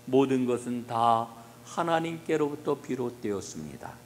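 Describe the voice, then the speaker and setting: A male pastor preaching a sermon, questioning the congregation and swinging between soft, low passages and loud emphasis. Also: expressive, normal speed. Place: church sanctuary. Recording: long reverb of a church hall.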